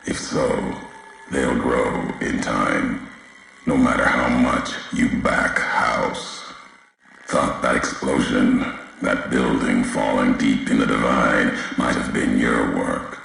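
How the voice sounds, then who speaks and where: Solemn and knowing, this vengeful wasteland wanderer haunted by history talks slowly in cryptic, deliberate fragments broken by heavy pauses, for a video game. His voice is very deep and gravelly, a bit bright and exaggerated. Deep echo follows each phrase, with faint background noise.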